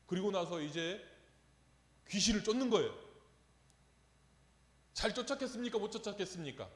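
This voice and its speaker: A pastor's high-pitched, animated voice moves at a moderate pace as he tells a story and asks the congregation rhetorical questions during a sermon. The church sanctuary gives a long, echoing reverb.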